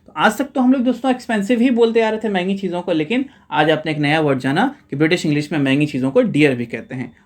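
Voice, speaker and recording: A teacher from India explaining a vocabulary lesson, often calling the viewers friends and repeating reminders to remember each word. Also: mid-range voice. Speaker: English teacher.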